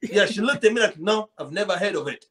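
Chatting casually over a video call from a small room at home, a man from Congo in his thirties, a poet and podcast guest, recounts a personal story in his Central African accent. His voice sits high and a bit bright, animated and quick. He acts out dialogue and repeats phrases.

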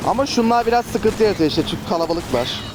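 A man's voice: high-pitched, lively intonation, quick pace. A man giving casual, chatty gameplay commentary as a gaming host, often exasperated and cursing at enemies. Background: traffic noise.

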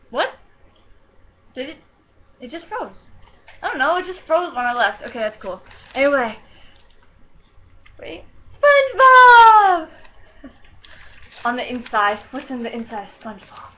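A woman's voice: high-pitched, moderate pace, long pauses, lo-fi sound. A teenage girl vlogging from her bedroom into a webcam, rambling and giggly, scattered and hyper as she answers questions. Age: teens. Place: bedroom at home. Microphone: computer webcam mic.

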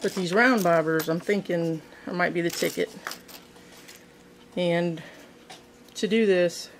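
A woman's voice: fairly low pitch, slow pace, a little hiss or hum. A woman hosting a casual how-to video, demonstrating a craft at a table indoors and thinking aloud with frequent ums and restarts. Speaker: fishing craft video host.

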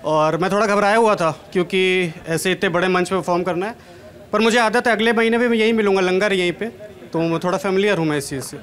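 A man's voice: sits high, fast, a bit bright. A young man from Kanpur doing a stand-up comedy set on a large stage, talking into a handheld mic with a chatty, self-deprecating manner. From Kanpur, India. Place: large stage at an event, indoors.

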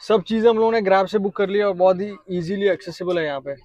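एक युवा पुरुष ट्रैवल व्लॉगर, बाहर पर्यटन पार्क में कैमरे से बोलते हुए, उत्साह से बातें करता है और हिंदी में अंग्रेज़ी शब्द मिलाता है।. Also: male voice, high-pitched, fast, dry recording. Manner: chatty, excited, mixes English into Hindi. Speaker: travel vlogger. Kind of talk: casual travel vlog.

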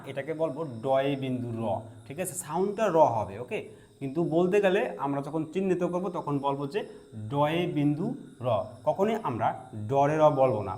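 A man teaching pronunciation in a lesson, explaining step by step and repeating each sound slowly and clearly. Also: on the high side, a little mellow, slight background noise. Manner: asks "ঠিক আছে?" to check listeners.

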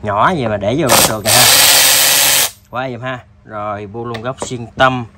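A man with a southern Vietnamese accent giving a casual, halting sales demo, addressing viewers informally like buddies. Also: medium pitch, steady tone, very noisy. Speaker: tool seller presenting products.

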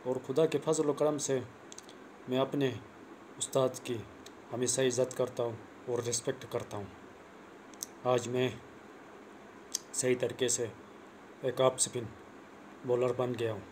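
Young man, slow earnest tutorial, lapel mic, faint room hiss. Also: mid-range voice, flat delivery, darkish tone. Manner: plain, repetitive, earnest instruction. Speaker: cricket coach vlogger. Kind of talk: casual spoken tutorial. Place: small indoor room. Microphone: clip-on lapel mic, phone camera close.

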